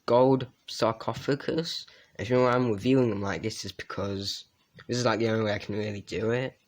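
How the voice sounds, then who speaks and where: Low-voiced man reviewing cards casually. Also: steady tone, darkish tone. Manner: reads card names, quick asides with fillers. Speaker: card reviewer.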